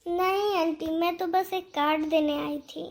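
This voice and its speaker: A woman's voice: very high-pitched, steady tone, measured pace. A woman voicing a gossiping, nosy female neighbour in a cartoon story, speaking in a confiding tone. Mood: gossipy.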